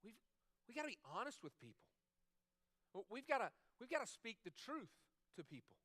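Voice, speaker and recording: A man's voice: extremely high pitch, sing-song, moderate pace, a bit bright, dry recording, clean studio sound. A man preaching a sermon as a pastor, talking conversationally and repeating phrases for emphasis. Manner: acts out quoted dialogue in other voices.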